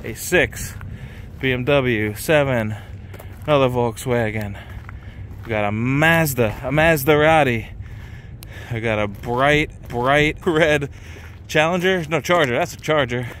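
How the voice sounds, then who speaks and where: A man in his thirties vlogging casually while walking through an outdoor car lot, excited and chatty, filmed on a handheld camera at arm's length. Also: medium pitch, takes it slowly, slight background noise. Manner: excited, chatty, laughs often. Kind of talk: casual vlog walkthrough. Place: outdoor impound parking lot.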